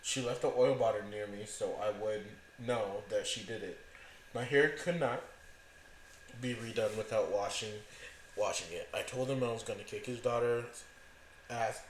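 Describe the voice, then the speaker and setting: A man co-hosting a casual podcast, telling stories in animated bursts with rising emphasis. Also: on the low side, moderate pace. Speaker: podcast co-host. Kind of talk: casual storytelling chat. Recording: echoey room with faint background noise.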